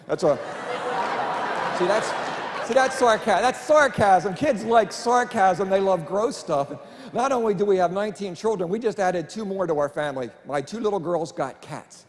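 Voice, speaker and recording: Playing to a live crowd in a church, a middle-aged comic keeps his family-friendly set chatty and self-deprecating. He speaks at a moderate pace in an animated voice that sits high. Long reverb and faint room noise fill the recording.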